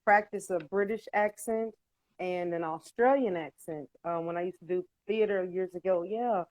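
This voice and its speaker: A woman's voice: fairly low pitch, moderate pace, darkish tone, low-quality recording. Enthusiastic American woman poet, talkative, video-call guest. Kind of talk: casual live-stream chat.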